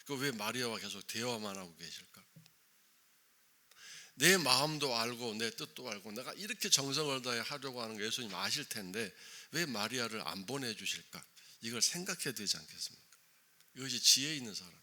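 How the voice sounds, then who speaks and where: A man's voice: mid-range voice, expressive, a little fast, bright, forceful tone. A man preaching a dawn sermon in a church, asking the congregation emphatic rhetorical questions. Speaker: pastor. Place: church, early morning service.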